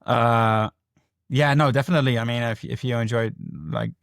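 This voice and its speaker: A man's voice: medium pitch, steady tone, fast talker, vocal fry, no echo, clean studio sound. A man co-hosting a podcast in casual chat, laid-back and easygoing. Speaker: podcast co-host.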